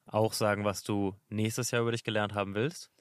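A man's voice: fairly low pitch, level tone, fairly quick, smooth, dry recording, clean studio sound. A man hosting a casual podcast chat, eager and affirming. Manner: eager, lots of affirming fillers. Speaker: podcast host.

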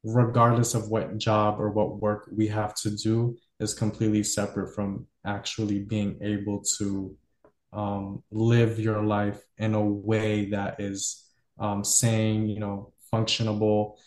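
Low, flat-voiced male podcast host. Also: a little slow, echoey room. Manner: reflective, loosely structured, many fillers. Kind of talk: casual conversation.

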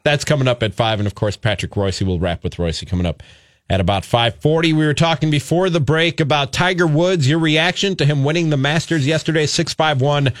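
A man's voice: on the high side, fairly quick, no room sound, studio quality. A man with an American accent chatting as a sports talk radio host in a conversational, earnest way.

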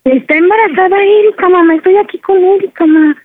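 A woman's voice: extremely high pitch, brisk, no echo. A woman prank-calling on the phone, playing a scared pregnant daughter who pleads and talks over her mother. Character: young woman pretending to be two daughters. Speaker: prank caller. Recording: dry tinny phone line.

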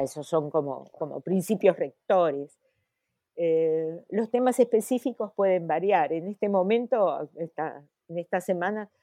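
Slow, mellow older Argentine woman. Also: on the low side, no echo. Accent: Argentine Spanish. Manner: slow, thoughtful, many hesitations and restarts. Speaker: academic researcher guest. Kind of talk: podcast interview.

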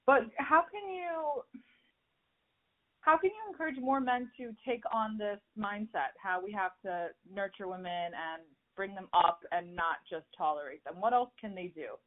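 A woman's voice: mid-range voice, lively intonation, normal speed. A woman hosting an interview podcast, chatty and full of fillers as she tells stories and asks questions. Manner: chatty, filler-heavy, storytelling. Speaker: podcast host. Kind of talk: casual interview chat. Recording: tinny phone-like sound.

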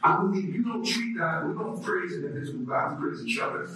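A man's voice: fairly high pitch, lively intonation, fast, bright, forceful tone. A man speaking in a police interview, heard as a recording of a recording played through a speaker, talking in rambling, preachy declarations. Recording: echoey distant playback with faint noise.

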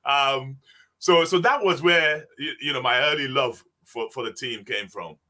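A man's voice: medium pitch, measured pace, bright, forceful tone. A man in his sixties, guest on an interview podcast, telling stories and often laughing as he talks. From England. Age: 60s. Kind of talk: casual interview.

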